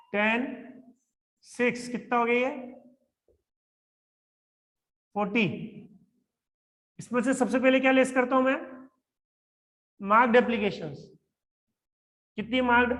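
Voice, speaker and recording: A man with a high voice teaches an accountancy lesson. He keeps checking with his students whether they follow. He slows down to repeat English lines from the question in an Indian accent. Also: fairly bright tone. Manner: repeats English phrases slowly while reading a question. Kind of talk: classroom lecture.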